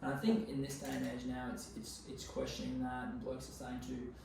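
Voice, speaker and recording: A man's voice: medium pitch, completely flat delivery, a little fast, gravelly. Echoey, distant young Australian man. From Queensland, Australia. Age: 20s. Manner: laid-back, slangy, sweary. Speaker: podcast guest. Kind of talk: casual conversational interview. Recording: very echoey, distant mic, noisy room.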